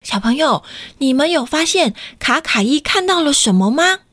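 A woman's voice: high-pitched, sing-song, normal speed, a bit bright, dry recording, clean studio sound. A woman storyteller reading a picture book aloud to children in a playful, sing-song way, often asking them questions.

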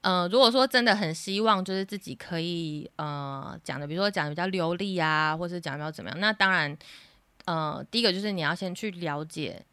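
Quick, bright-voiced woman teacher. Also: fairly low pitch, clean tone, no room sound. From Taiwan. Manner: animated, laughs often, many fillers. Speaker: English teacher. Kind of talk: casual podcast chat.

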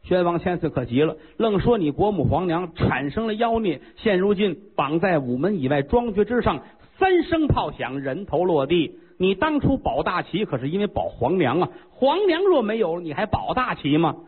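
A man's voice: sits high, sing-song, normal speed, few pauses, husky, full character voice. A male storyteller voicing a shrewd old chancellor who argues urgently and persuasively. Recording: lo-fi phone-like recording.

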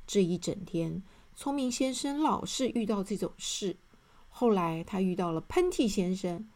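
A woman reading a children's storybook aloud, speaking gently and addressing young listeners directly. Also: medium pitch.

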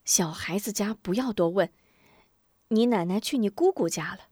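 Woman doing a soft-spoken grieving mother. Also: mid-range voice, normal speed, slightly rough, no echo, studio quality, natural voice. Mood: tender.

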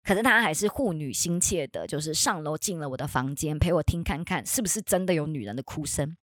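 A young woman with a Taiwanese Mandarin accent, hosting a podcast and telling ghost stories casually from her bedroom, with dramatic jumps into high, excited exclamations. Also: fairly quick. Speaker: podcast host. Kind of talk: casual storytelling.

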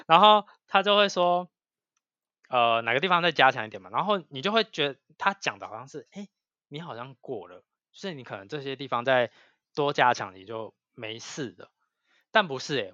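A man, co-hosting a podcast in casual chat, animated and swearing freely as he vents. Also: fairly high pitch, no echo. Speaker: podcast co-host. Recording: dull lo-fi dry sound.

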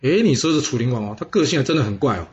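A man's voice: mid-range voice, expressive, racing, muffled recording. A man hosting a storytelling channel, telling a history tale in a chatty way with asides to listeners. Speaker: storyteller host.

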